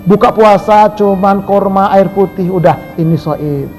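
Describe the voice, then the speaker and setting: A man preaching a lively sermon, swinging between loud emphasis and soft asides. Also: high voice, measured pace, soft background music, low-quality recording.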